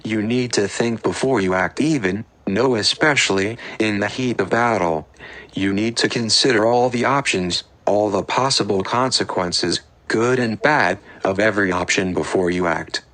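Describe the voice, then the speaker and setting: A man voicing a cool, slow-spoken female Sith master who calmly lectures her apprentice in a fan-made audiobook. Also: lowish voice, natural voice. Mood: stern lecturing. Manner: calm, instructive, measured.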